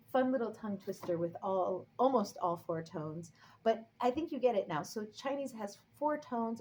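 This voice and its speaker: A woman's voice: medium pitch, darkish tone, a little hiss or hum, poor audio. Chatty woman teaching tones. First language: English. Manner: chatty, upbeat, sings out the tones as examples. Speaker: language and tai chi teacher. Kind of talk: casual explaining lesson.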